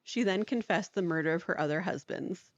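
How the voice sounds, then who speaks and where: A woman co-hosting a podcast tells a story in a casual, chatty way, saying "like" a lot and laughing often. Her voice is fairly low and fairly quick. The dry recording has a dull, lo-fi sound.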